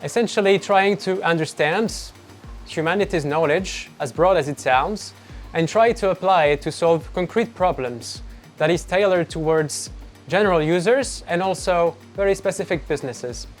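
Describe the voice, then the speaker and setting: A man's voice: high-pitched, moderate pace, soft background music. A man speaking fluently and technically in an interview. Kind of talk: interview talk.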